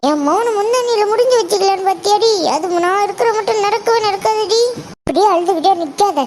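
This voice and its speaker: A woman's voice: extremely high pitch, fairly quick, a little mellow. A woman voicing a bossy, nagging old mother-in-law in a cartoon, scolding shrilly. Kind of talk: cartoon voice acting. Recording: audible background noise.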